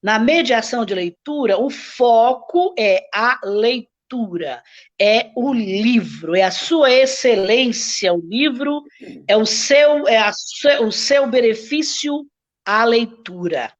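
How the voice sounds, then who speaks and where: Expressive Brazilian-Portuguese storytelling teacher woman. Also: on the high side, slow pace, dull audio. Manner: expressive, playful, shifts pace often. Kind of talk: live-streamed lesson. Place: home room with books.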